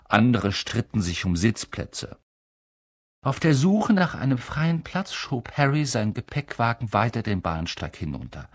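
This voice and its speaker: Ein Mann, der ein Hörbuch langsam und sehr ausdrucksvoll vorliest. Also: male voice, lowish voice, dry recording, studio quality. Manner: slow, very expressive reading. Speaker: audiobook reader. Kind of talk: scripted narration.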